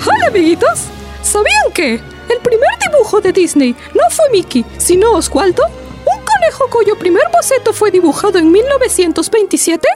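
A woman voicing a cartoon kids show character in a booming opener for a scripted radio intro, over loud music. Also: sing-song, moderate pace. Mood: perky, announcing. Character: squeaky cartoon kids show character greeting little friends. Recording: loud music bed behind voice.

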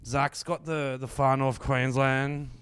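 A man's voice: medium pitch, level tone, takes it slowly, a bit bright, smooth. A man with an Australian accent chatting casually, telling stories in a slangy, blokey, rambling way. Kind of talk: casual banter and storytelling.

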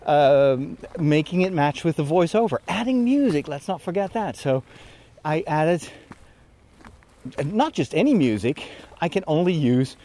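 A fairly high, sing-song, mellow voice belongs to a man, a priest and vlogger, speaking a little slowly as he hikes uphill among trees. Short of breath and weary, he rambles through his walking vlog monologue with self-mocking asides.

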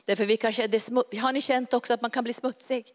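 Fervent woman preacher, fairly high voice, flat delivery, long church-hall reverb. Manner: fervent, emphatic preaching with dramatic pauses. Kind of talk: sermon.

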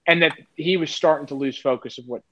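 On a podcast, a male co-host talks sports casually but hesitantly, with lots of fillers and restarts. His voice is on the high side, quick and a bit bright, and the recording sounds dull and lo-fi with faint noise.

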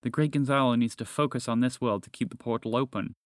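A man voicing an excited young girl who explains things in a quick, urgent rush for a storybook podcast. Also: mid-range voice, dry recording, clean studio sound, close to an everyday voice.

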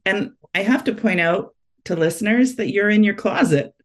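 A woman's voice: mid-range voice, normal speed. A woman hosting a podcast interview in a casual, chatty way. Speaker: podcast host.

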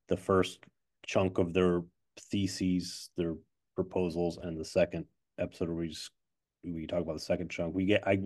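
Man, podcast host, deep pitch, casual chat, halting delivery, self-deprecating manner. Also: a little mellow. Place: office. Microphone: not his regular microphone.

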